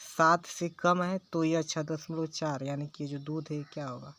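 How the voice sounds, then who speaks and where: A man's voice: on the high side, fairly even intonation, unhurried, sharp tone. A man teaching a lesson, who repeats key phrases and keeps checking in with his listeners. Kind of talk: slow classroom lecture.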